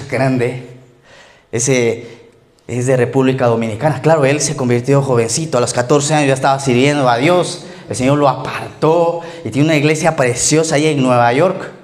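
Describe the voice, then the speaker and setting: Joking pastor with constant tag questions. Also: male voice, mid-range voice. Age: 30s. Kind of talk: conversational sermon. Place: church.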